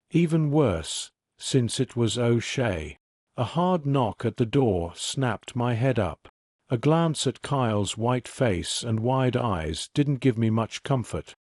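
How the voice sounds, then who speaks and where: A man reading a first-person fantasy novel in a steady narration. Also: mid-range voice, no echo, studio quality. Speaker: audiobook narrator.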